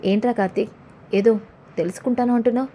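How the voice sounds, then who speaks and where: A fond middle-aged mother coaxing her son, read by a woman narrator. Her voice is mellow and fairly high. It is a storybook-style telling. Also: quick pace, slight background noise, lightly acted.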